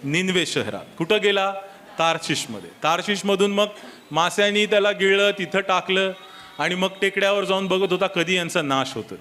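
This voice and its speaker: Male pastor, sermon, high and bright voice, emphatic with rhetorical questions, slips into English for key lines. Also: normal speed. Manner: emphatic, with rhetorical questions and repeated reminders to the listeners; switches briefly into English for key points. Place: church service.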